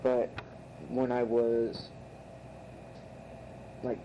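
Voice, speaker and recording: A man's voice: mid-range voice, monotone, extremely slow. A man around thirty telling a personal story in a hesitant, reflective way. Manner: hesitant, many fillers and restarts, reflective. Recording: muffled tape recording with noticeable hiss.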